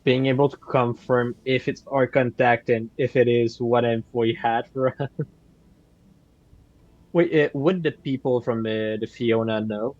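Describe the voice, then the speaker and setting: A man's voice: medium pitch, fairly even intonation, a little slow, a little mellow, no room sound. A man playing a tabletop game, joking around and rambling through his plans with lots of fillers. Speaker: player. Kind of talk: casual game table chat. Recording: dull lo-fi recording.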